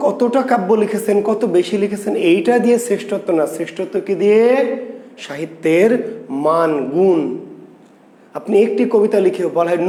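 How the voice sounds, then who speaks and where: A man's voice: high voice, dark tone, roomy sound. A man teaching a literature class, asking questions and answering them himself, repeating key terms. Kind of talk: classroom lecture.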